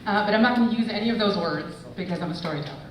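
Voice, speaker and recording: A woman in her forties, an English professor, reading a personal essay aloud with expressive storytelling. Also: medium pitch, very fast, distant mic, a little hiss or hum. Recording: echoey hall, voice from afar.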